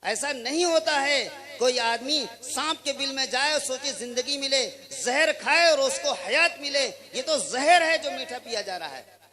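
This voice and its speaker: Male preacher in a mosque sermon, high-pitched and sharp, urgent, questioning his congregation. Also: expressive, measured pace. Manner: exhorting, rhetorical questions, recites Arabic verses. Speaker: Islamic preacher.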